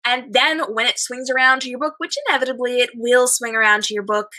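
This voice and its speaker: Bright, high-voiced woman giving chatty advice. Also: fairly even intonation, fast talker. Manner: emphatic, repeats phrases in lists. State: slightly hoarse, losing her voice. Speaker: host of an advice show for authors. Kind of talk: chatty advice monologue to viewers.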